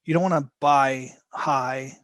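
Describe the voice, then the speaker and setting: A trading instructor leads a live lesson, his mid-range voice growing hoarse and fading as he continues. He talks slowly and loosely, restarting and clearing his throat often, with fairly even, slightly bright intonation. The sound is close and dry, with no echo or room.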